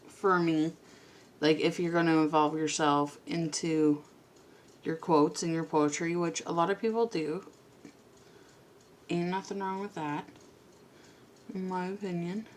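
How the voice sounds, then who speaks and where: A woman's lowish, steady voice comes at a measured pace with frequent pauses, backed by a faint hiss or hum. She's a beauty vlogger doing her makeup at home, chatty and a bit rambling, quiet in places.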